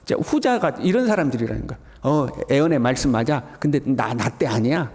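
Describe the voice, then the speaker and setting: A man's voice: medium pitch, expressive, brisk, darkish tone. A male pastor giving an early morning sermon, often acting out the mocking voices of scoffers. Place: church sanctuary. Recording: church hall with long reverb.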